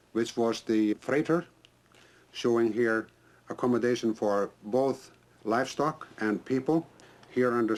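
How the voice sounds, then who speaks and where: Low-voiced man, thoughtful. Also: darkish tone. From Iceland. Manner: thoughtful, hesitant with fillers. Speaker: interviewee. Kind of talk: documentary interview.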